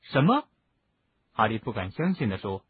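A man narrating an audiobook in a low, even voice. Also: fast talker, a little hiss or hum. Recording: narrow phone-like lo-fi sound.

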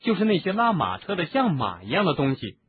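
A man's voice: a little high, sing-song, moderate pace, voice pushed up. A man voicing an earnest, impatient teenage boy in an audiobook, speaking in an urgent, insistent way. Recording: narrow phone-like sound, faint hiss.

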